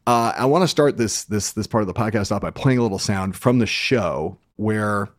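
Casting: male podcast host, lowish voice, close dry sound, halting yet emphatic interview style. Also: dry recording. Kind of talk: conversational interview.

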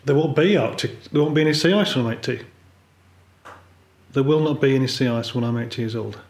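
A man's voice: medium pitch, a little fast, a little mellow. A man, a polar photographer talking candidly and earnestly as a podcast guest, with a wry edge. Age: 50s. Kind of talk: reflective conversational chat. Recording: roomy echo.

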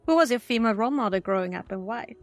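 Fairly high-voiced woman podcast host. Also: expressive, racing, soft background music. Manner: formal, reads prepared questions. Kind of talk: scripted podcast hosting.

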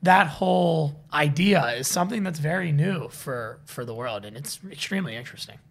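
A man's voice: on the high side, moderate pace, gravelly. Talkative male podcast host. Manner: rambling, with frequent restarts and repeated words. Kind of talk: interview questions and commentary.

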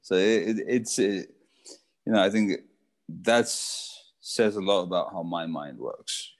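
A man's voice: sits low, takes it slowly. A young man from Zimbabwe, a surfer, talking casually as an interview guest with lots of fillers and restarts.

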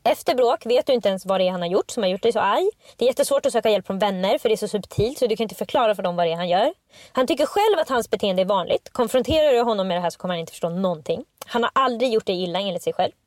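A woman's voice: mid-range voice, lively intonation, darkish tone, no room sound. A woman co-hosting a casual podcast, reading out passages from a book and commenting on them with emphasis. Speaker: podcast co-host.

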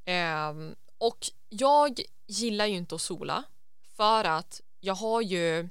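A young adult woman co-hosting a podcast, chatting in a relaxed way and slipping English phrases into her story. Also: medium pitch, smooth, dry recording, studio quality. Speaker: podcast co-host. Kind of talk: casual storytelling chat.

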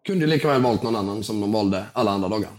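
Appearing as a guest on a podcast, a slightly hoarse young man spins a lively tale. He voices each character's lines with big pitch jumps.

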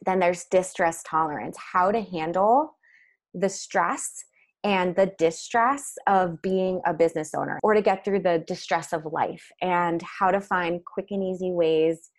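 A woman guest, a therapist and coach, explaining things calmly and plainly in an interview, like a counselor. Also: fairly low pitch, a little slow.

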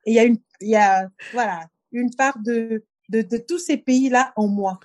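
Earnest Cameroonian-born woman, mellow voice. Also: a little high, normal speed, no room sound. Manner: rhythmic recitation, then earnest and reflective with hesitations. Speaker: poet and guest. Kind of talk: poetry reading then conversation.

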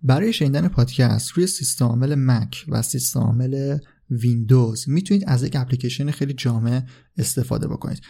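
A man's voice: medium pitch, gravelly, warm tone, soft background music. A male podcast host giving a casual, unscripted explanation, with frequent filler sounds and small self-corrections.

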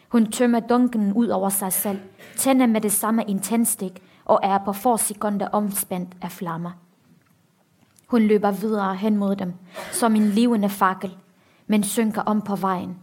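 Woman author, reading aloud, steady grave delivery, mid pitch. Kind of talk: reading her book aloud.

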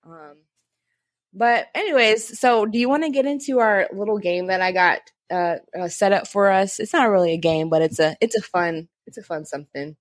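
A woman's voice: medium pitch, moderate pace, dry recording, clean studio sound. A young woman co-hosting a casual chat, rambling with lots of fillers. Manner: chatty, rambling, many fillers. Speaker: co-host.

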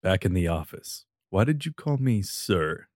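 A man voicing a cocky young man who coaxes and flatters with slow, self-assured lines. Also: sits low, no room sound, studio quality, full character voice. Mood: smug.

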